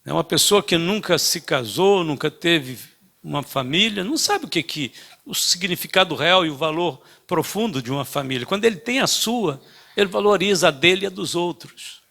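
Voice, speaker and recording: An older man preaching a sermon, telling a story in an emphatic way with many halting restarts. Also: high voice, lively intonation, vocal fry, pushed and bright. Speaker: pastor.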